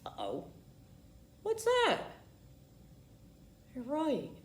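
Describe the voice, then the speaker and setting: Huge pitch swings and drawn-out words mark this high voice as a woman reads a children's story aloud in an echoey room. She's a theatrical library storytime host who keeps putting questions to young listeners.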